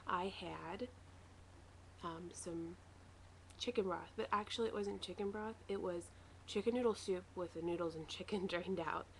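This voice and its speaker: A woman with a slightly low voice records a casual video diary at home. She rambles along in a matter-of-fact way, as a vlogger would. There is light noise in the recording. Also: moderate pace, gravelly. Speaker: vlogger sharing a weight-loss surgery recovery diary.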